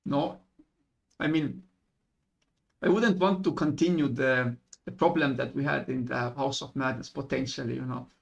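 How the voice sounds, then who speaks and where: A man's voice: medium pitch, fairly even intonation, moderate pace, vocal fry, highs cut off. A man playing a tabletop game over voice chat, hesitant and weighing his options aloud. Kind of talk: casual in-character debate over voice chat.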